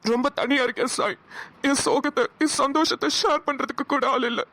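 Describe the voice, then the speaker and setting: A woman's voice: high voice, fairly even intonation, a little fast, a bit bright. A woman voicing a sad, lonely young man who is a caring brother, speaking in a mournful way in a cartoon. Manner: mournful, heavy-hearted delivery. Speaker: cartoon voice actor. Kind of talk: Tamil cartoon dialogue.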